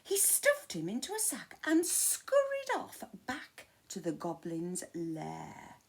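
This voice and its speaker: A woman's voice: lowish voice, wildly swooping pitch, takes it slowly, vocal fry, husky. A woman reading a children's story aloud in a dramatic way, dropping to whispers at tense moments.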